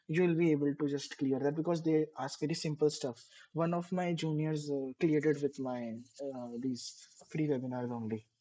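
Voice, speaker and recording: Man, mentoring host, frequent uhs, somewhat high pitch. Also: fairly even intonation, moderate pace, dark tone, rough recording. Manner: hesitant, many fillers. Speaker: community session host. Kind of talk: online mentoring session.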